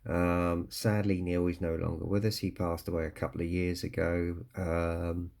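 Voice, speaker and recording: A British man with a very low, gravelly voice talks through a hobby kit unboxing. He sounds croaky and congested from a cold. His delivery is casual and conversational, with halting phrasing. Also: flat delivery, darkish tone. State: ill with a cold or hay fever, coughing. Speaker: scale model kit reviewer.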